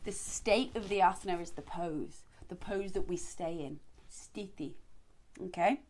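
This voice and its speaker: A woman instructing as a yoga teacher, guiding breathing in short, measured, spaced phrases. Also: fairly low pitch, darkish tone, rough recording.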